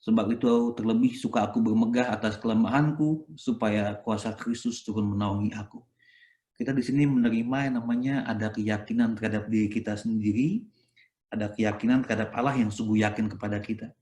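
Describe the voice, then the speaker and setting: Chatty Indonesian priest preaching in a roomy hall. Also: male voice, on the low side, steady tone, brisk, warm tone. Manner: conversational, peppered with "gitu ya" tags; mixes English phrases into his speech. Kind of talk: sermon. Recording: echoey room.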